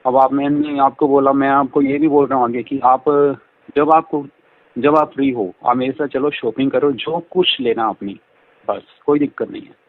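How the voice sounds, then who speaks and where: This man's medium-pitched voice keeps a fairly even intonation at normal speed. The call audio is band-limited, and he chats flirtatiously in Hindi mixed with English, effusive and repetitive.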